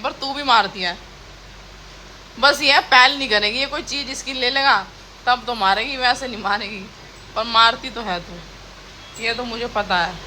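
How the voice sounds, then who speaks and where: Bright-voiced young mother vlogging at home. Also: on the high side, a little hiss or hum. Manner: scolding children in between chatty narration. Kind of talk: casual home vlog chat. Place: home kitchen and rooms.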